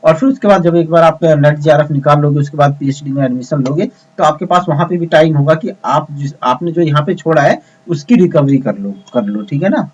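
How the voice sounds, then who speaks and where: Man, teacher, exam coaching lesson, repetitive, rhetorical questions, slightly high voice, dull lo-fi sound. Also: fairly quick, hardly any pauses. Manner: repetitive, addresses students as friends, rhetorical questions.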